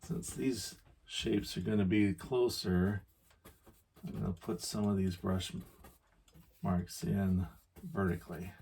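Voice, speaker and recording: A man giving a gentle, unhurried painting demonstration, thinking aloud as an instructor with pauses between short phrases. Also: low-pitched, steady tone, vocal fry, husky.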